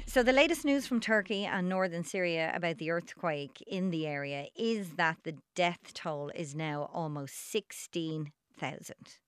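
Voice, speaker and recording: A woman hosting a radio interview in a studio, calm and measured. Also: on the low side, clean tone. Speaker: radio host.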